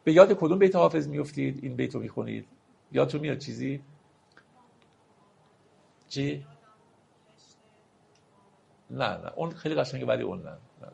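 A man teaching classical poetry, reciting verses slowly and explaining them plainly, sometimes asking his listeners questions. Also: medium pitch, lively intonation, creaky, a little mellow, husky.

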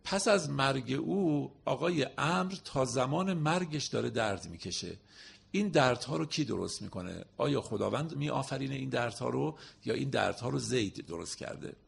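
Gravelly-voiced man teaching classical poetry. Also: mid-range voice, lively intonation. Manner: explains word by word, recites verses slowly. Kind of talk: spoken lesson with recited verse.

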